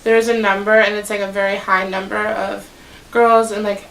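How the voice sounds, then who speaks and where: Young female student athlete, flat gravelly voice, echoey and distant. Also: medium pitch, normal speed, a little hiss or hum. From Massachusetts. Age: young adult. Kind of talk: casual interview. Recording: roomy, distant.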